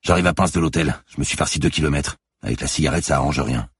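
A man voicing a gruff male police lieutenant who talks in a hard, curt tone, in an audiobook thriller. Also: very deep voice, fast talker, dry recording, clean studio sound, exaggerated voice.

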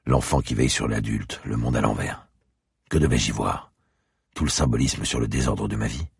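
Male audiobook narrator, first person, very low and gravelly, slow brooding reads, dry booth sound. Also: dry recording. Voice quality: gravelly, husky, very deep. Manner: slow, brooding delivery, rises sharply in his spoken lines.

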